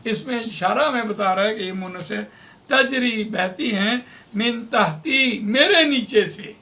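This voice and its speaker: Man, Quran teacher, classroom lesson, patient, repeats words slowly, high voice, gravelly. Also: pushed and bright. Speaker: Quran tajweed and translation teacher. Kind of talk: classroom lesson explaining Arabic grammar in Urdu.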